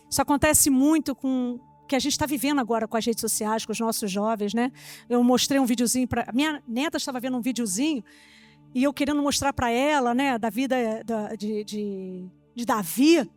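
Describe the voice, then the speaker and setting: An older woman with a Brazilian Portuguese accent preaching a sermon in church, telling lively stories and acting out dialogue. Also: high-pitched.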